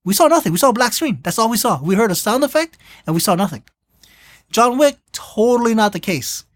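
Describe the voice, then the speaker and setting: A podcast co-host in casual chat, recapping a movie in a rambling, animated way and acting out the characters' lines. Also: medium pitch, fairly quick, no room sound. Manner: animated storyteller, acts out quotes; rambling with restarts.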